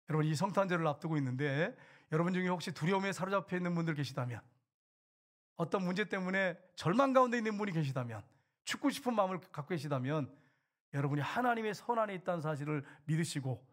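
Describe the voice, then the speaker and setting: A middle-aged male pastor preaching a sermon, asking the congregation questions and swinging between loud and hushed. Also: high-pitched. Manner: preaching with rhetorical questions and acted quotes, voice rising and dropping.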